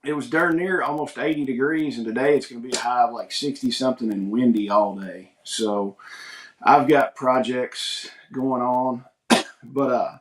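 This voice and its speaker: A man's voice: medium pitch, moderate pace. A man chats loosely on a morning livestream. His voice sits in a middle register, and his talk is folksy and rambling. The sound carries a noticeable room echo. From United States. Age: 40s. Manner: rambling, folksy, reads viewer comments aloud. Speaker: livestream host. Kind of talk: casual livestream chat. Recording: echoey room.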